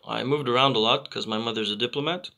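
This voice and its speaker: A man in his thirties from Israel, hosting a casual live stream and answering viewer comments with halting, repetitive phrasing and many fillers. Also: mid-range voice, gravelly, pushed and bright. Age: 30s. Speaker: channel host.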